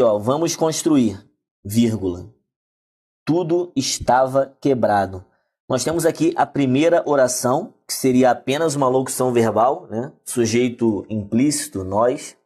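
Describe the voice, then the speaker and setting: Brazilian male teacher, mid-pitched husky voice, lively direct delivery for a recorded lesson. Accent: Brazilian Portuguese. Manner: lively, addresses viewers directly. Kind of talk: online grammar lesson.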